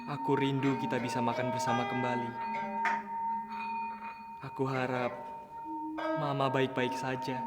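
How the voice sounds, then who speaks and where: A man playing a desperate, mutilated young son begging to be recognised, in a theatrical dramatic reading with drawn-out, pleading delivery. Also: mid-range voice, close to an everyday voice. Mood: tender longing. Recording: echoey hall reverb, loud music behind.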